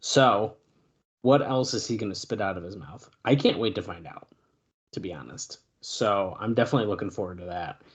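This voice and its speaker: A man's voice: lowish voice, normal speed, slightly rough. A man co-hosting a podcast, chatting in a wry, joking way. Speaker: podcast co-host. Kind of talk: casual chat.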